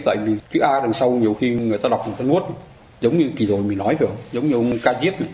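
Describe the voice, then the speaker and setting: Male dharma teacher, warm low tone, conversational lecture in a roomy space with faint background noise. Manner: conversational, asks listeners rhetorical questions.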